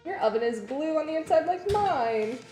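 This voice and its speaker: A woman's voice: high-pitched, expressive, roomy sound, music in the background. A woman joining a friend's baking stream, chatting casually and joking along. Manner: playful, quick to joke along. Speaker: co-baker on stream. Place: home kitchen.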